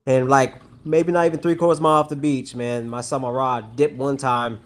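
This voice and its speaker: A man's voice: medium pitch, normal speed. Guy telling a big fishing story, all fired up, casual chat. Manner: excitable, storytelling. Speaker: guest angler.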